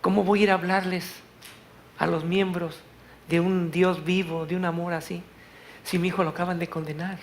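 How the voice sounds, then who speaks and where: A man voicing a grieving father, a pastor, speaking in a soft, hushed prayer. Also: high-pitched, flat delivery, moderate pace, slight background noise.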